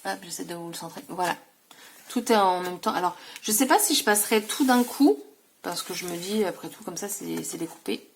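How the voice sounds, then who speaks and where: A woman's voice: fairly low pitch, a little fast, creaky, background noise. A woman vlogger showing off scrapbooking supplies in a casual, chatty way, full of fillers and self-corrections. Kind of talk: casual haul video.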